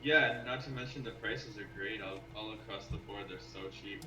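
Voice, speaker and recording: A man's voice: lowish voice, fairly quick, bright, forceful tone, roomy sound, far from the mic, rough recording. A playful, joking man co-hosting a casual stock-market live stream.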